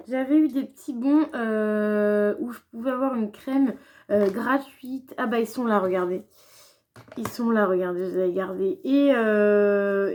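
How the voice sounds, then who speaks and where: A woman's voice: on the high side, darkish tone, slight background noise. A young woman chatting casually through a shopping haul vlog, with lots of fillers and restarts. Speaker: beauty vlogger.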